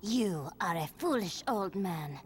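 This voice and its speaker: A woman's voice: mid-range voice, expressive, slow pace. An actress voicing a scornful, cat-like female assassin in a cartoon, with a scratchy voice.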